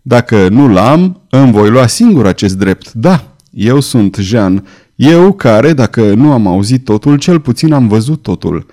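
Male reader as a hoarse, proud young rival; bitter threats, dark and low. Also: sing-song, natural voice. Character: jealous young man, violent and proud.

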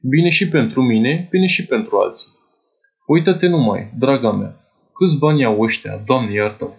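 In a dramatized literary monologue, a man plays a poor, fussy older clerk confiding in a young woman in a chatty, doting manner. His mid-range voice is expressive and creaky, and the recording sounds muffled.

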